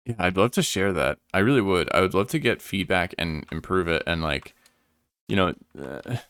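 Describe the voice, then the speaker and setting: A man's voice: low-pitched, a bit bright, smooth, dry recording, studio quality. A young man streaming a game, chatting casually and sleepily, rambling and thinking aloud with lots of fillers. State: sleepy, yawning. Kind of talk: casual livestream gameplay chat.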